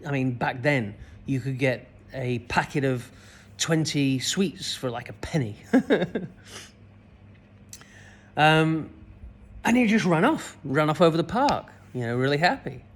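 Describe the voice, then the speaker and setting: This spiritual coach has a husky, slightly high voice that he uses expressively and without hurry. Speaking to camera, he wanders through a memory from his childhood, his story full of fillers and false starts.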